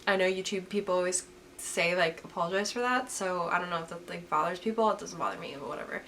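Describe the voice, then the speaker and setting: Young woman, lower register, stuffy from a cold, casual rambling vlogger, camera-mic sound with light hiss. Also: fast talker, fairly bright tone. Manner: rambling, lots of "like" and restarts. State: stuffy, recovering from illness. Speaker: photography vlogger answering questions. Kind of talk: casual Q&A vlog. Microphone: camera's built-in mic.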